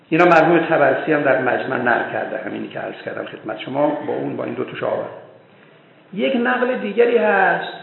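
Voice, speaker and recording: A man's voice: medium pitch, vocal fry. A man giving a scholarly religious lecture on hadith, talking with emphatic bursts where his voice rises. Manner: emphatic, voice rising in bursts for stress. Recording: echoey, tinny phone-like sound.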